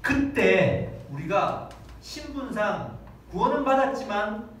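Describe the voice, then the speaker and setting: Animated man preaching in an echoey hall. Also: high-pitched, slow pace. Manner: animated preaching, acting out prayers and children's voices. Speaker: pastor. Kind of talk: Sunday sermon. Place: church hall, large and echoey. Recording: very echoey hall, distant mic, faint noise.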